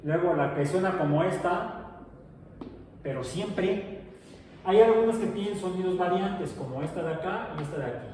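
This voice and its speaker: A man's voice: high-pitched, moderate pace, pauses often, a little mellow. A middle-aged man with a Mexican Spanish accent, lecturing a class and slipping into chatty anecdotes. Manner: chatty, digressive storytelling. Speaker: teacher. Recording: roomy echo, distant mic, faint noise.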